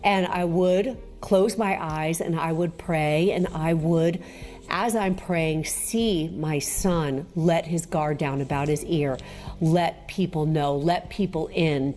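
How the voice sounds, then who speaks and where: A mother giving a slow, earnest and devout personal testimony about praying for her son. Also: deep voice, darkish tone. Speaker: mother of the interviewee.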